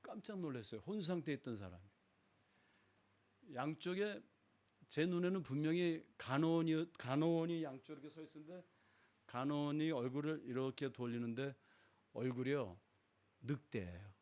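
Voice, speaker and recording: A man's voice: fairly high pitch, animated, moderate pace, pauses often, a little mellow. A middle-aged man giving a sermon testimony in a church, acting out the voices of the people in his story. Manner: dramatic storyteller, acts out quoted voices. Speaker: guest speaker giving testimony. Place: church sanctuary.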